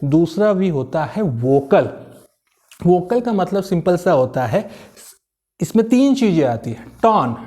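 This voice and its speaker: A man with a high, mellow voice delivers a motivational lesson about communication skills. He goes step by step, draws on everyday examples, repeats key words for emphasis, and slips English phrases into his speech.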